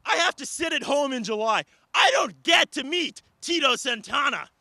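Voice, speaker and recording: Male wrestler for promo: high, forceful voice, indignant, emphatic phrasing. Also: lively intonation, normal speed, creaky, no echo, clean studio sound. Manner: emphatic, indignant, rhetorical questions.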